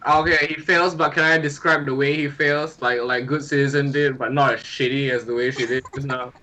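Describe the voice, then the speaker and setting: Guy playing a wrestler in a tabletop game, kinda bright voice, eager and goofy. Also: medium pitch, steady tone, brisk, a little hiss or hum, poor audio. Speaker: player. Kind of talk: describing moves in a tabletop game.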